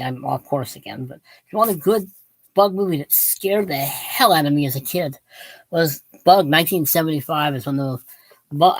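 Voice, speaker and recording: A woman in her late fifties, a book vlogger, speaks in a low voice on a rough, echo-free recording. Her book talk to viewers is casual and opinionated, and she drifts into tangents with self-deprecating humor.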